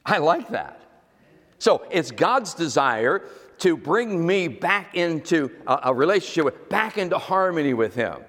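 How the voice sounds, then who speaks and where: A man's voice: a little high, sing-song, a little slow, a bit bright, in a large hall. A male pastor preaching a teaching sermon. He repeats key words and asks the congregation to answer him.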